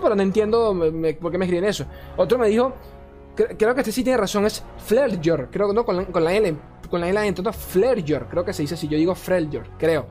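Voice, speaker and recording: A lively, high-pitched card game content creator gives a casual, chatty review of game cards. He's animated and ranting, swearing freely and often stumbling over names he can't remember, with faint music playing underneath.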